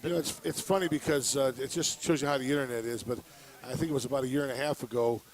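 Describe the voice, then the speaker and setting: A man doing casual sports commentary in the booth, agreeable and quick to say yes. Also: medium pitch, fairly even intonation, low-quality recording. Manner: agreeable, keeps saying "yes". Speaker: color commentator.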